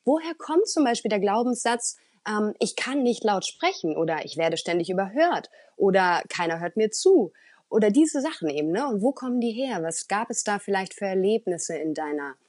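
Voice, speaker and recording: A woman voice coach who talks earnestly and expressively as an interview guest, with the odd filler pause. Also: medium pitch, sing-song, a little mellow, no room sound, clean studio sound. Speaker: voice coach and speaker.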